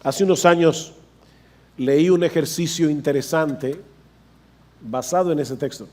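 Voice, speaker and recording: A man's voice: fairly high pitch, unhurried, a little mellow. A man preaching a sermon, emphatic, repeating himself for stress and speaking straight to his congregation. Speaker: pastor.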